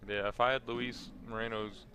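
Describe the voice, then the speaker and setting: A man's voice: medium pitch, flat delivery, normal speed. A man giving color commentary at a handball match, offering opinionated analysis with a joking streak. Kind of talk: live sports commentary. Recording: noisy live event broadcast.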